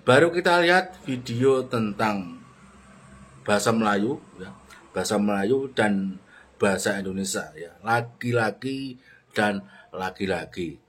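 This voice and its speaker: A man with a fairly low, husky voice comments off the cuff on a video. He talks very slowly and tends to repeat himself with small filler words. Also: animated, fairly bright tone, rough recording. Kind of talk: unscripted reaction commentary.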